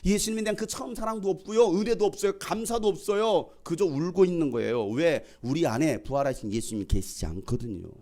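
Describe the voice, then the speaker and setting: A male pastor preaching a sermon, swinging from loud calls to soft whispers and acting out the voices in the scripture. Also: fairly high pitch, lively intonation, fairly quick, hardly any pauses. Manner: acts out the voices in the scripture passages.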